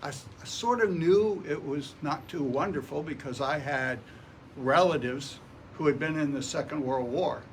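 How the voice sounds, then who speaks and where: A man, telling personal stories to an audience in a relaxed, wry, conversational way. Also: fairly high pitch, moderate pace, slight background noise. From Portsmouth, Virginia. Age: 80s. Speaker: guest speaker. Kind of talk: public talk with personal stories. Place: library meeting room.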